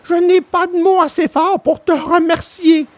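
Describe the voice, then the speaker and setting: Woman voicing earnest puppet boy, very high and bright, storybook, dry sound. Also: fairly even intonation, a little slow, no echo. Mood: tender. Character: young wooden puppet boy, earnest and polite. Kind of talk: storybook reading.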